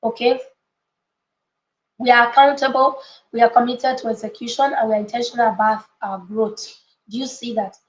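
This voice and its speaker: This higher-pitched woman, a coach and book club leader, hosts a live motivational lesson with informal chat to viewers. Her intonation is fairly even and her pace moderate, broken by long pauses, as she emphatically repeats phrases and checks in with listeners. Recorded in an echoey room, the audio sounds slightly dull and lo-fi.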